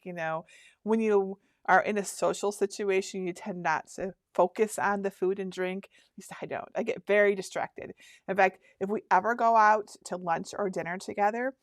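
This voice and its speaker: Her voice mid-range and the sound clean studio quality with no room sound, a craft workshop host in her fifties chats on a relaxed livestream. She reads out viewer comments, laughs a lot, and frequently starts her sentences over.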